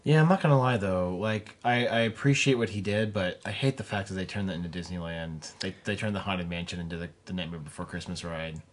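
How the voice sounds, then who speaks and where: A man's voice: low voice, a little fast, hardly any pauses. A man hosting a podcast, playfully asking questions and moving the talk around the table. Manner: playful, moderating. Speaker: podcast host leading the questions. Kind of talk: casual podcast chat.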